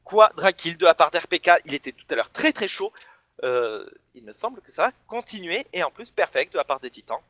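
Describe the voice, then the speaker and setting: A man from the south of France, casting an esports match solo and bursting into shouts on big plays. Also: on the high side, big pitch swings, a little fast, dry recording. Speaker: esports caster. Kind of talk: solo play-by-play commentary.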